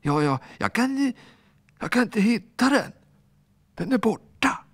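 A man's voice: mid-range voice, very animated, pitched above the performer's own voice. A man voicing a small, frightened boy who stammers his denials in a children's story. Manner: timid, stammering.

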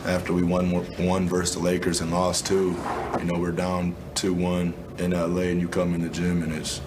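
A basketball player in his twenties answers questions at a postgame press conference, low-key and measured, peppering his replies with "you know" and "um." His delivery is completely flat, and the press room is noisy.

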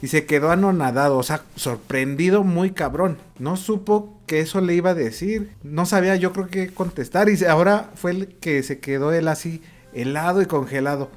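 A man with a Mexican accent telling a funny personal story for his vlog, animated and laughing often. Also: on the high side, normal speed, soft background music. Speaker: vlogger.

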